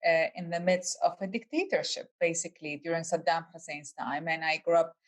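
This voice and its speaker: A woman's voice: low-pitched, fairly quick. A middle-aged woman from Iraq, hosting the interview, speaking in a reflective, personal way over a video call. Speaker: host.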